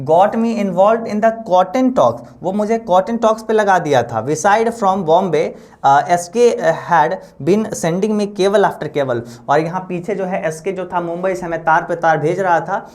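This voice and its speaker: A male teacher explaining a story line by line, repeating points and checking in often with the listener. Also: high-pitched. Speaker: English teacher.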